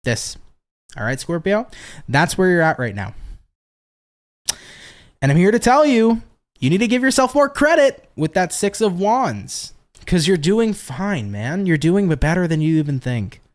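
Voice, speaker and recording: Reading tarot live for his viewers, the tired host stays chatty and profane, answering comments between frequent laughs. He speaks in a high voice with big pitch swings, a little slowly, leaving long pauses.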